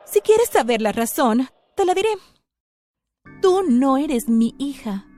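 A woman voicing a cold, dismissive middle-aged stepmother who speaks curtly and slowly. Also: high voice, very animated, mellow, faint music behind, exaggerated voice.

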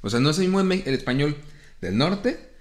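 A man's voice: a little high, big pitch swings, fairly quick. Guy on a podcast, explains stuff, fixes his buddy's facts. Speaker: podcast co-host. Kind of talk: casual chat.

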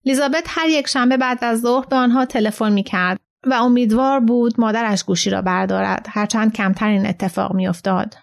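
A woman narrating a literary short story in an even, steady reading. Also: mid-range voice, creaky. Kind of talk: scripted narration.

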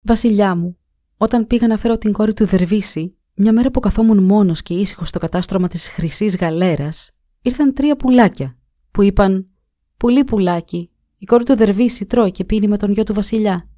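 A woman's voice: medium pitch, mellow, dry recording, studio quality, close to an everyday voice. A woman reading a folk tale aloud and voicing a bold, stubborn young man who gives curt, insistent commands. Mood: earnest. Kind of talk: storybook reading.

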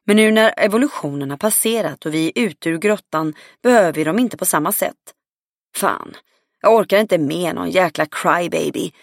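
A woman's voice: on the low side, lively intonation, no echo, studio quality. A woman narrator voicing a blunt, confident woman friend in an audiobook, outspoken and swearing freely. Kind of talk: audiobook dialogue reading.

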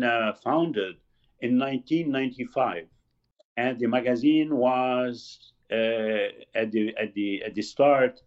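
A man in his sixties from Lebanon, talks as an interview guest, pausing often and searching for words. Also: fairly low pitch, a little mellow. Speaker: magazine founder, guest. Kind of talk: casual interview talk. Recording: slightly dull lo-fi audio.

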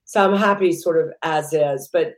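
A woman with a lowish voice chats loosely as an interview guest, circling her points and filling gaps with "you know". The recording has a noticeable roomy echo. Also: normal speed. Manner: rambling, heavy use of "you know". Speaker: entrepreneur guest. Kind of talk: casual interview chat.

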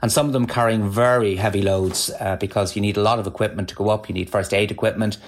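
A man from Galway with a west of Ireland accent, explaining things as an interview guest in a measured, discursive, conversational way. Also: fairly low pitch, fairly even intonation.

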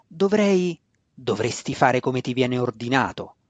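A man reading an audiobook, voicing a stern, proud dark elf high priestess who speaks with cold, scornful authority. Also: sing-song, a little slow, no room sound. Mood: commanding.

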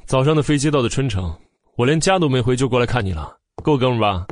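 A man's voice: mid-range voice, animated, fast talker, dry recording, close to an everyday voice. A man voicing an arrogant young man in an audiobook, talking in a sneering, taunting way. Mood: mocking. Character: arrogant, mocking young man, old friend. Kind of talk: audiobook character voice. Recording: dry close mic with faint music.

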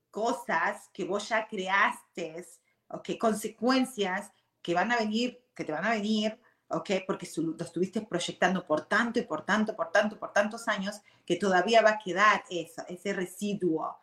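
Argentine woman, 40s, expressive host, mid-pitched, roomy echo. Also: measured pace. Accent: Argentine Spanish. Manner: expressive, tags sentences with "¿ok?", drops in English words. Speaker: show host. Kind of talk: casual personal talk.

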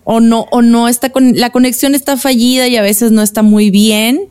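A woman's voice: a little high, level tone, moderate pace, darkish tone, clean tone. A woman with a Mexican accent co-hosting a casual podcast, teasing her friends and musing aloud in rhetorical questions. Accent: Mexican Spanish. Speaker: podcast co-host. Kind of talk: casual chat.

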